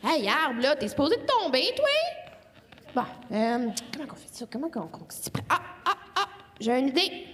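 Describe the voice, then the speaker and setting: A woman with a Quebec French accent telling a story live, playfully coaxing the audience to shout along. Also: sits high, moderate pace, slight background noise. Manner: lively, playful, coaxes the crowd to shout along. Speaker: storyteller voicing a signed tale. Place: hall at a live storytelling event. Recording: long hall reverb from a live event.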